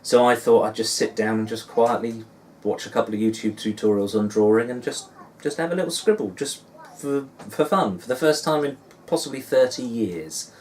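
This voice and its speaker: A man in his forties with a Suffolk accent talks casually to his viewers, musing and rambling with a self-deprecating touch. His voice sits at a middling pitch. He is recorded some way from the microphone, with faint noise behind him. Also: normal speed, a little mellow. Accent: Suffolk English. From Suffolk, England. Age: 40s. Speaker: dad blogger and vlogger. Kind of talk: casual rambling vlog chat. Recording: distant mic with faint background noise.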